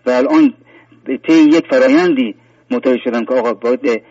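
A man calls in to a talk program and earnestly shares a personal story, rambling with lots of fillers and restarts. His medium-pitched voice is creaky and a little mellow, with no room sound, coming over a muffled, distant phone-in line.

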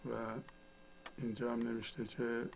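Man calmly explaining in a flat tone. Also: mid-range voice, a little hiss or hum, poor audio. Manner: patient, step-by-step explaining. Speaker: teacher. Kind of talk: screen-share tutorial.

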